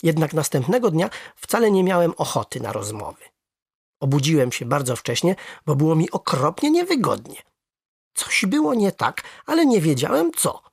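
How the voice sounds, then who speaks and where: A storyteller reading a first-person children's story aloud with lively, expressive narration. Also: mid-range voice, moderate pace, vocal fry, breathy edge, no room sound, studio quality.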